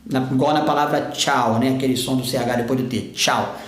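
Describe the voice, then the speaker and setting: A man's voice: medium pitch, fairly even intonation, brisk. A Brazilian Portuguese-speaking man teaching an English pronunciation lesson, patiently repeating example words. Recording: very echoey room.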